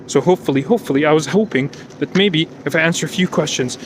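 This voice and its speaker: Over a noisy background, a man with a high-sitting voice talks fast as he walks outside, vlogging off the cuff about an exam. He's breathless and emotional, going over things repeatedly and frequently starting his sentences again.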